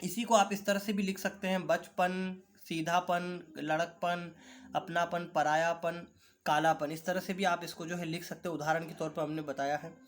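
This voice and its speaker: High-voiced man teaching a lesson. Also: little pitch movement. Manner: slow, reads out and explains textbook answers; carefully repeats words for pronunciation drill. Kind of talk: online class lesson.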